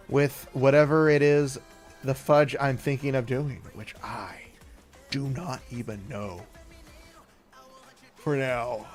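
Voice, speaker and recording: A laid-back man chatting through a gaming stream at a middling pitch, rambling loosely and trailing off as he goes. He sounds sleepy, with faint game music playing under his voice. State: sleepy, yawning. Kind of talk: casual gaming stream chat.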